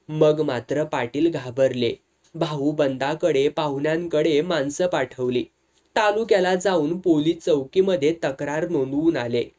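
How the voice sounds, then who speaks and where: A man narrating a long village story in a lively, dramatic storytelling manner. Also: a little high.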